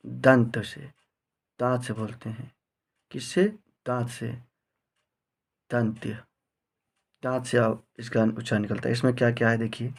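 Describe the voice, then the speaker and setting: A man teaching a grammar lesson to students, reciting rules slowly and asking the class questions as he goes. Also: mid-range voice, a little mellow. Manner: slow, drawn-out recitation with frequent questions to the class.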